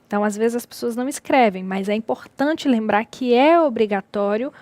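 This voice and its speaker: A woman teacher delivers a recorded distance-learning lesson, her voice sitting a little high. She explains step by step and repeats the key words. The sound is close and dry with no room around it. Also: a little fast, a little mellow, dry recording.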